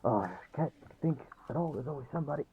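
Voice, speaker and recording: A man voicing a very old, friendly but gruff dwarf priest who stammers and fusses like a grandfather. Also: fairly high pitch, lively intonation, quick pace, phone-quality sound, a crowd in the background, lightly acted. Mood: flustered.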